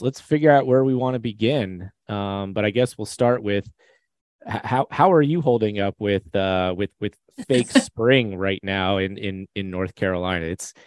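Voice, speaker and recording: A man's voice: fairly low pitch, a little mellow, no room sound. Guy hosting a podcast, keeps restarting his sentences, dry close mic sound. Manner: halting, many restarts and fillers. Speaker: podcast host. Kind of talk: casual podcast chat and ad read.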